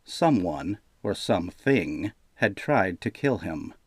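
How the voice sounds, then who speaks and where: A man reading a fantasy audiobook aloud in a steady, measured storytelling manner. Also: sits low, husky, dry recording, clean studio sound. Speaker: audiobook narrator. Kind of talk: scripted narration.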